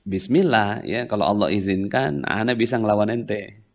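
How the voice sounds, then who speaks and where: A man's voice: lowish voice, normal speed. A man, a guest preacher, giving brief agreeing replies in a casual religious talk.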